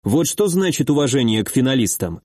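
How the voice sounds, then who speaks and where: A male narrator reads fantasy fiction in a steady, measured voice of middling pitch. The recording is dry and close, with no room sound. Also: slightly rough, no room sound. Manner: steady, measured reading with acted dialogue. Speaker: audiobook narrator. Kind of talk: scripted fantasy audiobook narration.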